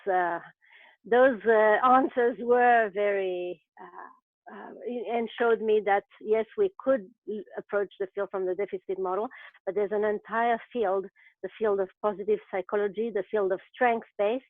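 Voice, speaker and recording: A French-accented woman from France, a program co-founder, presents in a webinar, speaking reflectively with many fillers. Her mid-range voice comes through a video call with dry, narrow, tinny audio.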